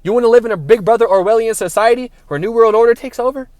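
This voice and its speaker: A man's voice: extremely high pitch, quick pace, darkish tone, no room sound. A young man in a casual monologue who talks in a heated, preachy way, swears and says "bro" a lot. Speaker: spiritual vlogger.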